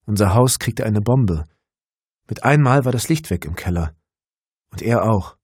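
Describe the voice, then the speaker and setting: A man voicing a timid, sad young boy who speaks hesitantly and quietly. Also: lowish voice, expressive, unhurried, husky, no room sound, clean studio sound.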